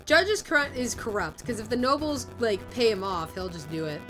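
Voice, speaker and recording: A woman streams a game live and reads its lines aloud, thinking aloud in an animated way. She swears casually as she works through the case. Her voice sits fairly high, and faint music plays underneath. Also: brisk.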